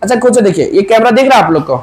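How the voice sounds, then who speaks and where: A man with a Hindi accent teaching physics to a class, firing questions and loudly prompting his students to answer in chorus. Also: high-pitched, lively intonation, racing. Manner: quizzing students, prompting answers, loud emphatic calls. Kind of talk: classroom lecture with call-and-response. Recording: noisy classroom with crowd.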